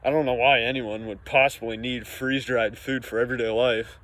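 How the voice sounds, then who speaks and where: A man's voice: medium pitch, steady tone, fairly quick, fairly bright tone. A man delivering a scripted mock news report as an anchor, with opinionated commentary. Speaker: news anchor in a parody broadcast.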